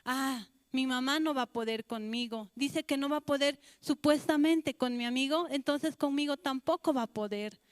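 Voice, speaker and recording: A woman's voice: high-pitched, moderate pace, hardly any pauses, no echo, clean studio sound, close to an everyday voice. A woman playing an evasive grown son. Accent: Bolivian Spanish. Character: young adult son, reluctant and evasive.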